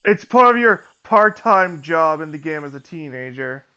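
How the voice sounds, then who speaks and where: A man's voice: a little high, lively intonation, moderate pace, bright, forceful tone, clean tone, lo-fi sound. A man joking around with friends at a tabletop game, hesitating with fillers. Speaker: player. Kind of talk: casual tabletop banter.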